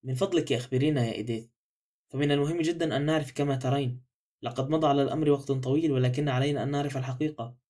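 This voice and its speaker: A man reading as a gentle, coaxing young gentleman. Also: mid-range voice, steady tone, quick pace, close to an everyday voice.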